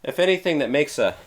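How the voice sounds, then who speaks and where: A man hosting a show about records, chatting casually with a friend and laughing easily. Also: fairly high pitch. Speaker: podcast host.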